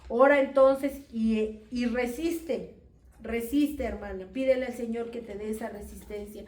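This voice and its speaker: At a church women's meeting in a church hall, a woman with a Mexican accent gives a lively testimony and preaches, acting out the voices of people she quotes in her stories. Her voice is fairly high and a little slow. The recording is echoey, with her voice far from the mic.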